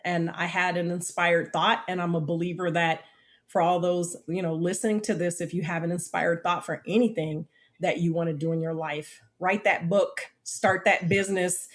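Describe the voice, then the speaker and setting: A woman in her fifties, a podcast guest telling personal stories in a lively, animated way and acting out the voices in them. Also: on the low side, normal speed. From United States. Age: 50s. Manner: animated storyteller, acts out quotes, repeats "literally". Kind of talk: podcast interview storytelling.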